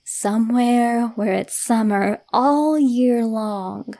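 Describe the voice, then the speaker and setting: Woman acting hushed, eerie, coaxing camp counselor. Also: on the high side, takes it slowly. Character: kindly, eerie female camp counselor luring a child.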